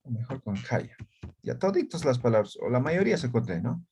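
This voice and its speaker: A man's voice: mid-range voice, very animated, a little fast, darkish tone, a little hiss or hum. A man teaching an online language class, explaining patiently and checking often that students follow.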